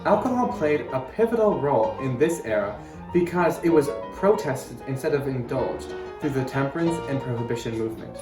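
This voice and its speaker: Reading scripted educational narration, this young presenter, also a student actor on a sound team, sounds animated and brisk in a mid-range voice. Plucked guitar music plays behind him in an echoey, roomy recording.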